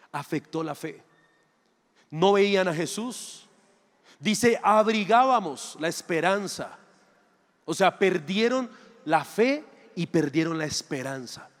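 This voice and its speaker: A man preaching, his voice sitting high for a man. He is dramatic and theatrical, acting out little dialogues and asking the crowd rhetorical questions. His voice rings with long reverb in a big hall. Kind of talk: sermon.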